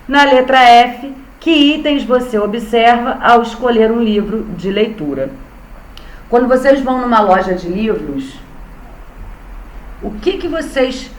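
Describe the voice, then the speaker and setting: A woman's voice: on the high side, echoey room, poor audio. A young Brazilian woman teaching an online class to small children, patiently spelling out syllables. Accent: Brazilian Portuguese. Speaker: primary school teacher.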